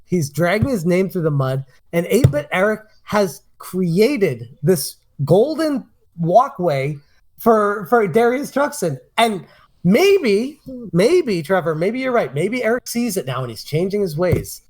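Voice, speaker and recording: A man's voice: high voice, big pitch swings, takes it slowly. A man hosting a podcast, giving casual commentary and emphatically repeating his points. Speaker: podcast host.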